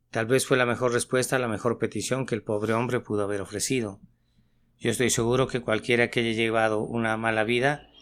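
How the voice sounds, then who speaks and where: A man reading a sermon aloud with an earnest, measured preaching delivery. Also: mid-range voice, a bit bright, smooth. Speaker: sermon reader.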